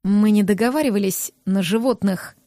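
A woman's voice: medium pitch, moderate pace, warm tone, no echo, studio quality, natural voice. A woman reading the part of a rude, irritable young man who snaps and sneers in an audiobook. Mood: gruff. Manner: curt, snapping, scornful.

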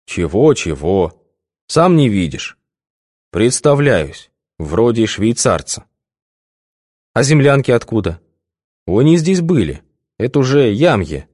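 A man reading an audiobook voices a gruff, grumbling village guard, drawing out his words. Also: mid-range voice, big pitch swings, slow pace, pauses often, a little mellow, no room sound, clean studio sound.

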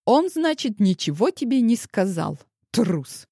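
A woman's voice: fairly high pitch, very animated, a little slow, dark tone, slightly rough, no echo, pitched above the performer's own voice, heavily acted. A woman reading an audiobook voices a firm mother with a dry, sarcastic edge. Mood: stern. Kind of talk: audiobook character voice.

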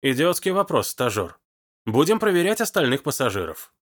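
A narrator playing a curt, weary officer. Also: male voice, medium pitch, sing-song, normal speed. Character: weary, irritable male agent in charge.

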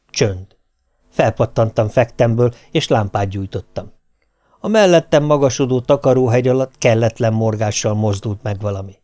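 Férfi hangoskönyv-felolvasó, élénk mesélés. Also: male voice, medium pitch, mellow. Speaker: audiobook narrator. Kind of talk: audiobook reading of a humorous novel.

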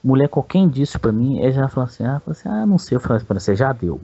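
A Brazilian man tells his story quickly in a dark, husky voice. He rambles, talks crudely and fills his speech with slang. The recording sounds dull and lo-fi. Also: mid-range voice, animated. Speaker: interviewee telling a personal story. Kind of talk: casual storytelling.

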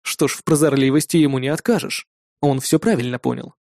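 A man narrating a first-person story in a lively, wry manner. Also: medium pitch, brisk, dry recording, studio quality. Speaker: audiobook narrator.

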